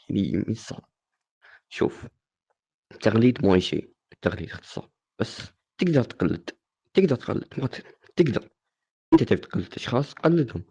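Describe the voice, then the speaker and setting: A man's voice: lowish voice, gravelly, warm tone, husky, highs cut off. A man, hosting a casual, joking tutorial and teasing his viewers. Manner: teasing, playfully insulting. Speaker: gaming channel host.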